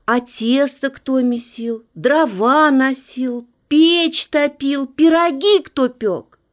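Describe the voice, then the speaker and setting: A woman voicing a hardworking, patient little male rooster in a storybook reading, calling out brightly. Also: high voice, takes it slowly. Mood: questioning. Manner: calling out brightly, stern when questioning.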